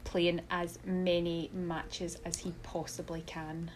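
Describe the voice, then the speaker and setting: A woman's voice: on the low side, level tone, slow, darkish tone, low-quality recording. A woman in her thirties with a British accent, chatting casually as a podcast co-host. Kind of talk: casual chat.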